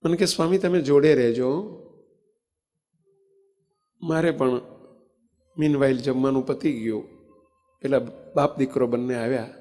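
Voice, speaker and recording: A man telling a story in a sermon, acting out the voices of the people in it. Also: mid-range voice. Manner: animated storyteller, acting out quoted dialogue. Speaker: swami preacher. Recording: reverberant hall with faint music.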